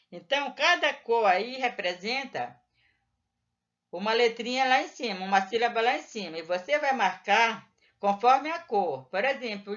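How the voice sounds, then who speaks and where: A woman teacher guides young pupils through a workbook page by page. She speaks slowly and patiently, stretching out syllables so children can follow. The recording sounds muffled and low-fidelity. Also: fairly bright tone. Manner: slow, patient, drawn-out syllables. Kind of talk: explaining a textbook lesson to children.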